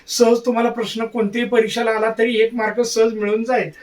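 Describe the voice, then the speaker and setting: A man's voice: extremely high pitch, little pitch movement, quick pace, far from the mic. A man teaching an exam-prep lesson, repeating key points and drilling memory tricks.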